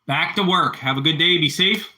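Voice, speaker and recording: Answering chat on a live stream, a man with a Pittsburgh accent rambles and goes over the same points again. His voice is a little high, bright, and forceful, at a moderate pace.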